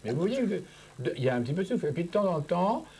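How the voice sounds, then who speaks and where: A man's voice: high-pitched, big pitch swings, racing, warm tone, slightly rough. A man coaching a patient through voice exercises, patient and encouraging, often checking that he is understood. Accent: French. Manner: patient, encouraging, repeats "vous voyez" often. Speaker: speech therapist.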